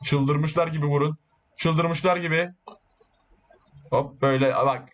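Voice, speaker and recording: Excitable man commentating his own gameplay. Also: on the high side, slow pace. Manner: excitable, swearing, boastful banter with teammates. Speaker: gaming YouTuber.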